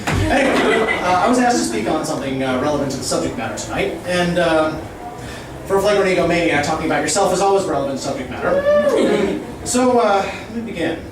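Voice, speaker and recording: A man's voice: sits high, big pitch swings, brisk. A man performing an escalating stand-up comedy rant, theatrically rambling through chains of wordplay and rhyme, recorded live. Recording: very echoey room, distant mic, clear noise.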